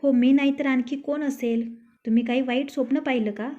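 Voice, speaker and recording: A woman voicing a sharp-tongued, steady young wife in a storybook tale, speaking curtly and scolding. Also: high-pitched, brisk, close to an everyday voice. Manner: curt, scolding. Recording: dull lo-fi recording.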